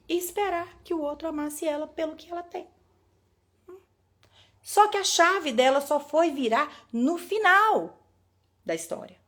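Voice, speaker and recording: A woman preaches live in a conversational way. She tells personal stories earnestly, and her voice sits somewhat high. Her talk sounds like a warm devotional chat with her listeners. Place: home room, live broadcast.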